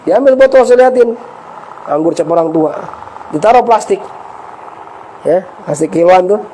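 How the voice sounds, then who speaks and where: High-voiced male preacher, mellow tone. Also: lively intonation, unhurried, slight background noise, poor audio. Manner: storytelling, acts out quoted voices and addresses the congregation. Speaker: Islamic preacher. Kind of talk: lively conversational sermon.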